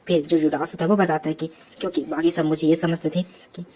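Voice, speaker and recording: A woman's voice: deep voice, flat delivery, fast, dark tone, a little hiss or hum. A woman narrating a comic story recap in a casual, chatty way, with frequent English words and asides.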